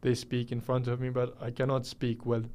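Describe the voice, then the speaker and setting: A man's voice: medium pitch, monotone, normal speed, a little mellow. A man raised in the UAE chatting casually on a radio show, agreeing and building on his co-host's points with frequent uhs. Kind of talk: casual chat.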